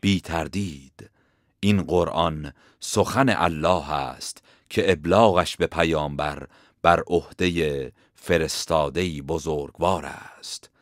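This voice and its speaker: A man calmly reading a translation of scripture verse by verse. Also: a bass voice, no room sound, studio quality. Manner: calm, even reading between verses. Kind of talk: measured read translation.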